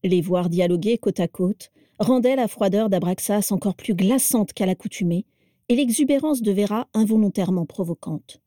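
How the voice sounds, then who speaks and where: A woman narrating a story in a calm, steady audiobook reading. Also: mid-range voice, normal speed, no room sound, studio quality.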